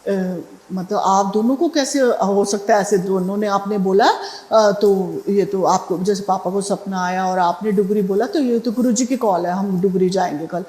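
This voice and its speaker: A woman's voice: mid-range voice, moderate pace, darkish tone, echoey room. A middle-aged woman sharing a devotional testimony in a conversational way, with fillers and restarts. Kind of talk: spoken satsang testimony.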